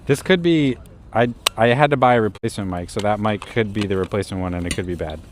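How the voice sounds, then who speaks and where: A man's voice: fairly low pitch, fast, noisy background. A man live-streaming outdoors in a city park on a wireless mic that keeps cutting out, so his volume jumps up and down while he chats with his viewers. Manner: chatty, talks straight to his viewers. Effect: audio cutting out, uneven volume. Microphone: wireless clip mic.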